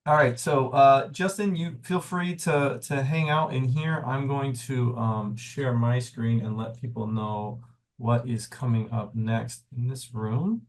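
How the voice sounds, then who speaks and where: A man hosting sessions over a video call, relaxed and joking. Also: mid-range voice, measured pace. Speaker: session host.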